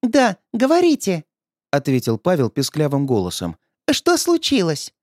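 A man reading an audiobook, voicing a young woman in a squeaky falsetto. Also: wildly swooping pitch, moderate pace, darkish tone, no room sound, clean studio sound. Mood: polite. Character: squeaky-voiced young woman, polite and curt. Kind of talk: audiobook narration.

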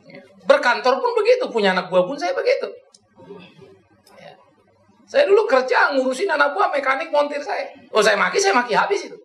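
A man preaching a sermon, animated, swinging between soft and loud, joking and acting out his own old quarrels. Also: very high-pitched, fairly quick, pauses often, echoey room. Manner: jokes and acts out his own past quarrels.

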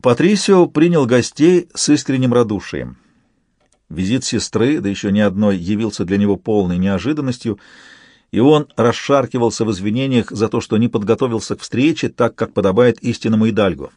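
A man reading a novel aloud in steady, measured scripted narration. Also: lowish voice, no echo, studio quality. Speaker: audiobook reader.

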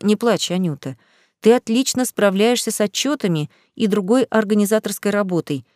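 A woman voicing a gruff male police boss. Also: mid-range voice, normal speed, darkish tone, no echo, clean studio sound, close to an everyday voice. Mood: stern. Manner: blunt, grumbling.

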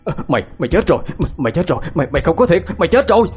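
A man's voice: fairly high pitch, big pitch swings, rapid-fire, husky, faint music behind, voice pushed up, full character voice. A man voicing a terrified young husband in a ghost story, stuttering and panicked. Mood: frantic.

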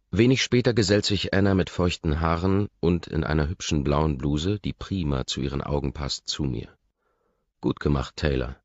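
Very deep-voiced male audiobook narrator. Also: no room sound, dull audio. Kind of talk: first-person audiobook narration.

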